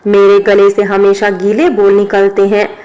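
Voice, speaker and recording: A woman voicing a brash young man who drinks, speaking in a flat, sarcastic, bantering way. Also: mid-range voice, a little slow, natural voice. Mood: teasing.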